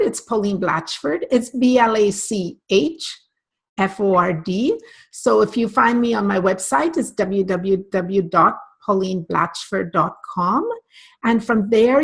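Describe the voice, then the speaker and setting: A woman's voice: medium pitch, slightly rough. An older woman from Barbados, a guest coach speaking earnestly and passionately in an online interview, often restarting her sentences. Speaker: guest, optometry practice coach.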